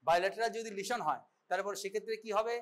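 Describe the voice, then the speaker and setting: Talking very fast in a high voice, a man lectures to medical college students. As he demonstrates an exam in class, he keeps checking that they're following along.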